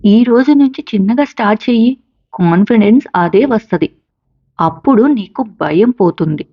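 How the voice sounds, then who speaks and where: A woman's voice: medium pitch, expressive, normal speed, breathy edge, no room sound, dull audio. A woman voicing a caring mother who patiently encourages her college-age son. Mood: encouraging. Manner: patient, coaxing, reassuring.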